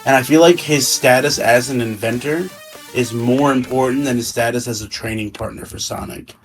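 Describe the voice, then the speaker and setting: A drunk man explains things in a casual, rambling way. His mid-pitched voice halts, doubles back and restarts phrases. Music plays behind him. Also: normal speed. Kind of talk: casual rambling fan discussion.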